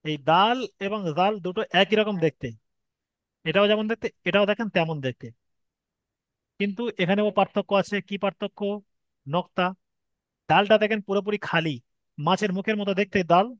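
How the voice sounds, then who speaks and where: Man, Bengali accent, high voice, dry close sound, patient step-by-step teacher. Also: moderate pace, long pauses, a bit bright, dry recording, lo-fi sound. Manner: patient, explains step by step, drags out vowels to demonstrate. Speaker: Arabic reading teacher. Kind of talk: online Quran reading lesson.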